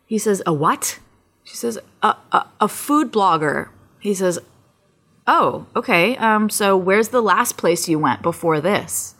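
Woman cohost, bright voice, acts out the people in her stories, lots of laughing. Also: mid-range voice, a little slow. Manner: animated, acts out voices in anecdotes, laughs often. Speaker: podcast co-host. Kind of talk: casual chat, storytelling.

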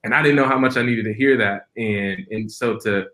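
A man's voice: fairly low pitch, brisk, a bit bright. A man in his twenties, a preacher and podcast guest, telling a personal story in an earnest, reflective way with frequent restarts. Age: 20s.

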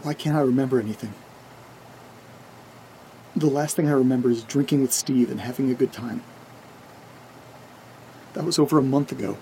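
A man's voice: medium pitch, moderate pace, long pauses, dark tone, natural voice. An actor playing Nate, a rattled, anxious man caught up in a horror audio drama. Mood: troubled, bewildered. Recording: clearly noisy background ambience.

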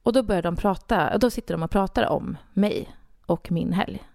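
Female guest author, low and gravelly, animated casual storytelling, dry close recording. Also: no echo. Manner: animated, many fillers and restarts. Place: Stockholm studio.

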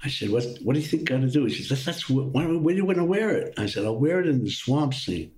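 An older man telling animated stories about making films in a casual chat, acting out what others said and often restarting his sentences. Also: medium pitch, quick pace, echoey room. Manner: animated storyteller, acts out quotes, trails off and restarts. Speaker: guest actor telling stories.

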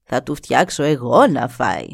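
A woman's voice: extremely low pitch, very animated, vocal fry, no room sound, clean studio sound, voice pushed down, full character voice. A woman voicing a knowing old grandmother who keeps a tiny magic cooking pot. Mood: knowing, kindly.

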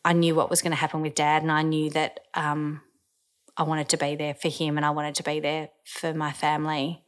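A woman's voice: low voice, monotone, a little fast. A woman, candidly telling a personal story with casual swearing and fillers.

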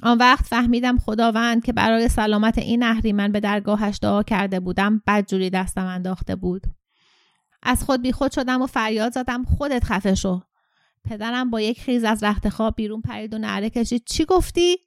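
A woman narrating an audiobook story in a steady, clear storytelling voice. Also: a little high, dry recording, clean studio sound.

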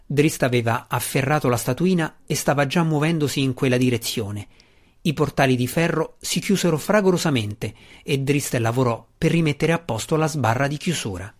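A man reading a fantasy novel aloud as an audiobook narrator, in a steady, measured way. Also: medium pitch.

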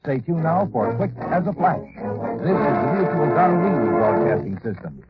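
A man's voice: fairly high pitch, big pitch swings, moderate pace. A man giving a scripted, formal, declamatory delivery as an old radio announcer. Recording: tinny vintage radio broadcast, music behind.

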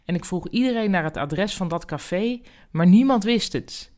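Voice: mid-range voice, lively intonation, normal speed, darkish tone, lightly acted. The narrator doing a flustered male guinea pig. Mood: groggy, fussing. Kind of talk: storybook reading.

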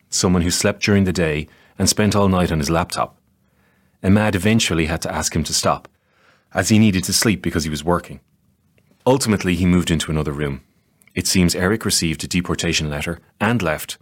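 A man giving measured, scripted narration as a documentary podcast reporter. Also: low voice.

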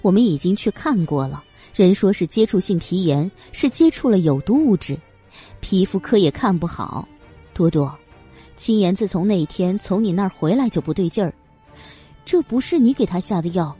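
A woman's voice: mid-range voice, big pitch swings, normal speed, mellow, husky, faint music behind. A woman voicing a complaining middle-aged mother in an audiobook. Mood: accusing.

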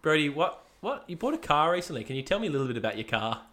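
A young Australian man hosting a podcast, loud and lively, with a bright, forceful voice. He rattles along quickly and laughs easily between thoughts. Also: on the high side. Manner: loud, energetic, laughs often. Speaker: podcast host. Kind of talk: casual podcast chat.

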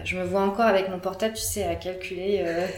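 A woman's voice: fairly low pitch, fairly even intonation, fast talker, darkish tone. A woman in her thirties, a guest telling her birth story in casual conversation, hesitant with many fillers and restarts. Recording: roomy echo.

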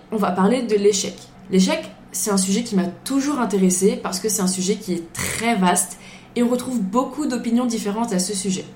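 A woman's voice: mid-range voice, darkish tone. A young adult woman hosting a podcast, telling a personal story in a chatty, informal way. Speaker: podcast host. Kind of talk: casual podcast monologue and interview. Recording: echoey room, faint noise.

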